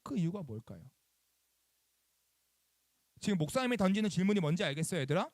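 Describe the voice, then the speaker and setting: A male youth pastor giving a sermon to middle schoolers, animated, acting out phone calls and quizzing the kids. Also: sits high, a little fast, dry recording, clean studio sound. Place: church chapel.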